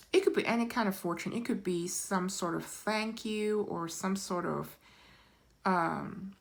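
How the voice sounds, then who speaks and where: A woman reading tarot cards in a slow, unhurried way, her voice sitting a little low. She reassures the listener and often checks in with a soft "right?", with plenty of "um"s between thoughts. She is close to the mic in a quiet room. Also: vocal fry. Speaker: tarot reader. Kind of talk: pick-a-card tarot reading.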